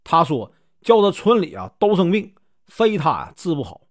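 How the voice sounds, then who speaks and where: Playful tricky monk, put on by a man, lively lilt, dry close-up sound, folk tale. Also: on the high side, moderate pace, dry recording. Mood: sly. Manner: teasing, playful. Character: mischievous wandering male monk, teasing.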